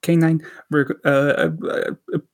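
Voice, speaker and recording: A man's voice: fairly high pitch, steady tone, slow pace. Rambling podcast co-host, man. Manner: rambling with many fillers and restarts. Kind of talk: casual podcast chat.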